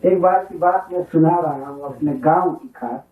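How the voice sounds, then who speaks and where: A man with a fairly high voice speaks at a moderate pace, giving a sermon-style scripture talk as a spiritual teacher. He tells stories from his own village, often chuckling and reciting Sanskrit verses. The recording is a distant, phone-like lo-fi 1996 tape made in an echoey hall.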